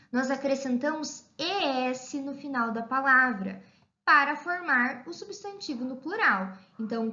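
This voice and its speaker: A woman giving a children's lesson as a primary school teacher, talking slowly and spelling things out clearly. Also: high voice, pushed and bright. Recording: dull lo-fi sound.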